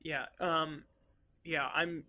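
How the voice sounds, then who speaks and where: Playful young man with a fairly high voice. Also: little pitch movement, drawn-out words, pushed and bright. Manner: playful, easily amused. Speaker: podcast co-host. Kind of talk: casual chat.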